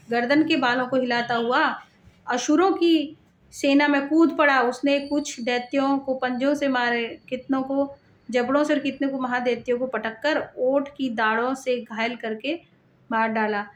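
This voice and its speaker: A woman's voice: high voice, steady tone, normal speed, echoey room. A woman reciting a devotional scripture and explaining it in her own words, with frequent rhetorical asides.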